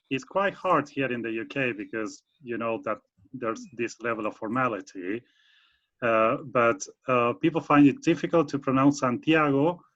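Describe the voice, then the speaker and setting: A man's voice: medium pitch, fairly bright tone. Argentine man on a video call. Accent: Argentine Spanish. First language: Spanish. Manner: explanatory, with many fillers and restarts. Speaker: guest speaker, university professor. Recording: muffled video call audio.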